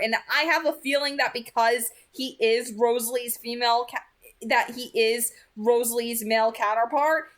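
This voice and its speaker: With a highish, fairly bright voice, this woman chats informally in book commentary for her read-aloud channel. She tends to ramble and speak emphatically, repeating phrases to stress them.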